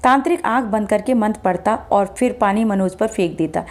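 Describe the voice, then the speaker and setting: A woman narrating a scripted horror story in a steady, dramatic way. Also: mid-range voice, fairly quick.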